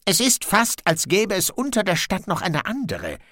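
A man's voice: high-pitched, huge pitch swings, normal speed, pushed and bright, no room sound, clean studio sound, pitched above the performer's own voice, heavily acted. A man voicing a wary male dwarf guard in an audiobook, who hesitates often. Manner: hesitant, with "äh" fillers.

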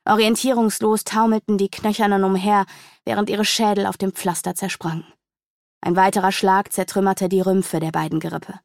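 A woman's voice: mid-range voice, level tone, moderate pace, creaky, a little mellow, dry recording, studio quality. A woman reading a fantasy novel aloud in a dramatic, vivid storytelling manner. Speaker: audiobook narrator. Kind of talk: scripted fantasy narration.

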